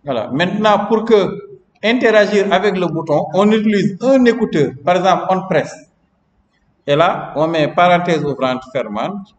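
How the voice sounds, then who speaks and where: Guy teaching a coding class live, kinda high voice, chatty, keeps asking the room hein?, boomy dull classroom sound. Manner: chatty, often checks in with students with "hein?". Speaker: programming instructor. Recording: roomy, dull lo-fi classroom recording with long reverb.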